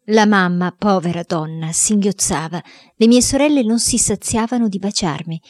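A woman narrating a children's diary novel as an audiobook reader, in an expressive storytelling manner. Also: medium pitch, normal speed, dry recording, studio quality.

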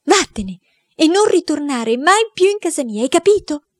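A woman voicing a shrill, spiteful aunt who scolds a boy in an indignant, screechy voice. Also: big pitch swings, normal speed, dry recording, clean studio sound. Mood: furious.

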